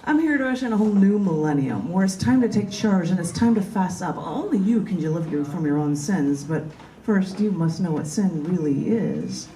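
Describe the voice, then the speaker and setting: A woman reads her own poetry in spoken-word style at an open mic inside a large bookstore, her voice low-ish, animated and dark-toned at a moderate pace. Her delivery is emphatic and declamatory, built on repetitive rhythms. The live recording sounds roomy and echoey, with a slight hiss or hum.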